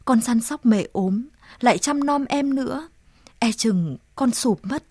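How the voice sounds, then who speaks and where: A woman reading aloud and voicing a frail, dying mother who speaks in a weak, sighing hush. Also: on the high side, measured pace, slightly rough, no echo, clean studio sound. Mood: tender.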